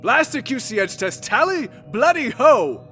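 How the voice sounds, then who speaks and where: An actor playing a vain, easily exasperated gentleman space adventurer in a comedic audio drama, speaking in florid, theatrical, old-fashioned phrases. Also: very high voice, very animated, unhurried, soft background music, full character voice. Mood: imperious exasperation.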